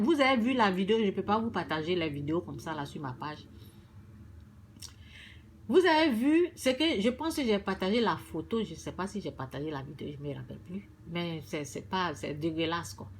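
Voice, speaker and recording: A woman's voice: medium pitch, big pitch swings, moderate pace, a little hiss or hum. A woman giving an emphatic, repetitive religious testimony to her viewers. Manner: emphatic and repetitive, often restarting phrases.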